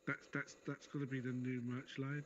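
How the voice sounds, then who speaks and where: A man's voice: mid-range voice, little pitch movement, moderate pace. Joking man on a lo-fi call. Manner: joking, rambling, swears freely. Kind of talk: casual chat. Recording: dull lo-fi audio with noise.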